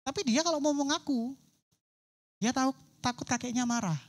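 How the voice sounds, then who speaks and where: A woman's voice: high-pitched, fairly quick. Woman preacher at a church service, vivid storyteller who acts out her characters' voices. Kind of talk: sermon storytelling.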